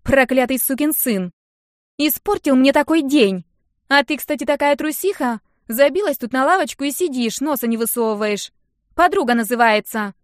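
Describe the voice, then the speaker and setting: A woman reading an audiobook voices a brash, sharp-tongued young woman friend who talks loudly and mockingly. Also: sits high, lively intonation, moderate pace, no room sound, studio quality, voice pushed up. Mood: indignant. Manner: loud, indignant, mocking.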